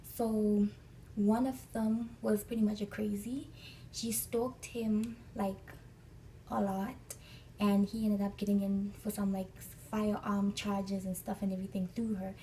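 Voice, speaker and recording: A woman's voice: mid-range voice, flat delivery, a little slow, warm tone, distant mic, a little hiss or hum, poor audio. A young woman from Africa, chatting through a storytime vlog and acting out the people she quotes. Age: young adult. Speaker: vlogger.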